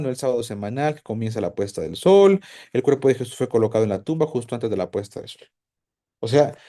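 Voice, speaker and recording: Male Bible teacher, slightly high and mellow, animated and questioning. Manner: animated, asks the class many questions. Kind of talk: casual teaching to a group.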